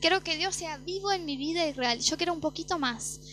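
A woman's voice: very high voice, fairly quick, a bit bright. A woman giving a personal testimony sermon, telling her story and acting out the dialogue she quotes. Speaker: preacher.

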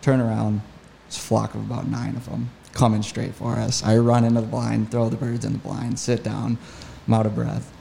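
A man's voice: lowish voice, moderate pace, vocal fry, slight background noise. A man telling a story as a podcast guest, in a casual, enthusiastic way. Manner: enthusiastic, animated retelling. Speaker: podcast guest, hunting guide.

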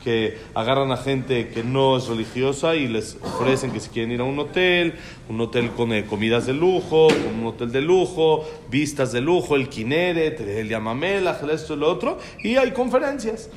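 A man telling a story to a class, animated and acting out the dialogue. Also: medium pitch, normal speed, hardly any pauses, noisy background.

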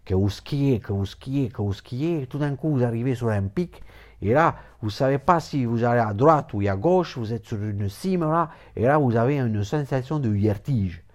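A man's voice: medium pitch, animated, moderate pace. A man giving a comic mock lecture, rambling, repeating words and stumbling playfully over them.

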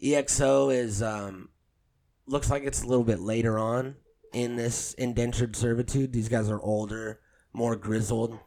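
A man's voice: medium pitch, fairly even intonation, unhurried, a little mellow. A man chatting casually as a co-host, irreverent and sardonic, swearing freely. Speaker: co-host commenting on pop music groups. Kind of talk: casual, joking chat.

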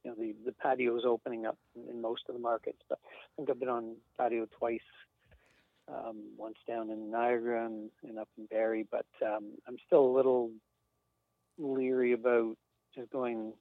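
Gravelly man on a tinny line. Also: mid-range voice, normal speed, no room sound. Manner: relaxed, rambling, frequent fillers and chuckles. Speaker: industry sales rep, guest. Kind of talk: casual conversation. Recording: dry, tinny phone-line sound.

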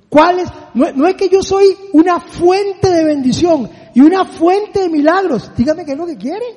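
High-voiced man preaching in a hall. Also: a little mellow. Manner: asks the listeners rhetorical questions. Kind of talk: sermon.

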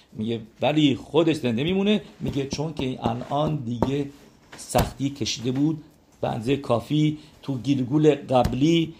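Male religious teacher, mid pitch, casual storytelling Talmud lesson that keeps repeating "he says". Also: darkish tone.

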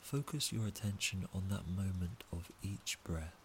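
A man calmly leading a guided breathing meditation, speaking softly and counting out each breath. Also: deep voice, normal speed, slight background noise. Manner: calm, soft, counting out breaths. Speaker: relaxation guide.

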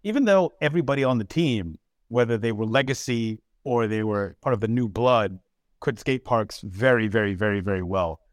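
A man in his forties co-hosting a casual podcast, animated and slangy, laughing easily. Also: fairly low pitch, normal speed, no echo, studio quality. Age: 40s. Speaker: podcast co-host.

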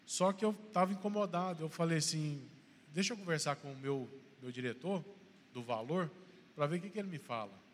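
This church testimony comes from a Brazilian man whose slightly high voice carries a Brazilian Portuguese accent and moves at a fairly quick pace. Recorded in a large hall with some background noise, he recounts his story, acts out dialogue from a phone call, and then urges the congregation on like a preacher.

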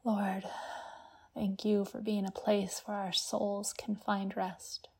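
Soft, slow, breathy woman guiding sleepy meditation. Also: medium pitch, little pitch movement. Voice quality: soft, breathy, partly whispered. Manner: hushed, gentle, unhurried delivery with long pauses. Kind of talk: soothing guided meditation, like a sleep story narrator.

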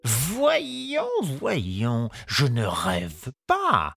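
A man's voice: fairly high pitch, wildly swooping pitch, creaky, a bit bright, dry recording, soft background music, voice pushed up, full character voice. Give me a man doing a kindly old gardener. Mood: amazed. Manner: slow, musing, confiding. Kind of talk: audiobook character reading.

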